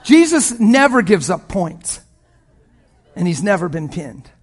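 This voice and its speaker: A man in his fifties, a pastor, tells stories in a sermon with lots of animation and frequent laughter, dropping to a hush and rising to a shout. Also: sits high, a little slow, husky. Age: 50s. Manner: animated, laughs often, swings from hushed to shouting. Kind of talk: sermon storytelling.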